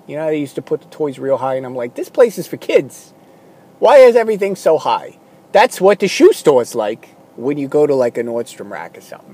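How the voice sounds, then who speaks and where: Rambling self-deprecating man, lively voice. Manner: self-deprecating, swings from loud bits to low mumbling asides. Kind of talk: rambling comic monologue.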